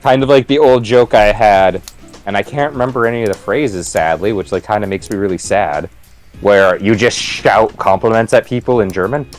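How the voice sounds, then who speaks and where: A man's voice: fairly low pitch, moderate pace, soft background music. A man co-hosting a let's play, rambling casually with lots of "like" and restarts and laughing often. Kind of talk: casual gaming commentary.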